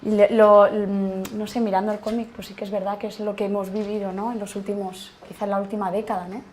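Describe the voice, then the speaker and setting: A woman leading a training workshop, talking in a reflective, halting way with frequent restarts. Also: mid-range voice, level tone, a little mellow, slight background noise. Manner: hesitant, restarts often, reflective. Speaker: workshop facilitator. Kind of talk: informal workshop talk. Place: meeting room.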